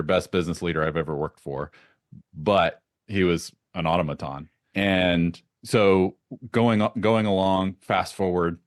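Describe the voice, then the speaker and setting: A man being interviewed as a podcast guest, telling lively anecdotes and laughing often. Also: deep voice, no echo, studio quality. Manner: animated anecdotes with frequent laughs. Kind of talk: casual interview storytelling.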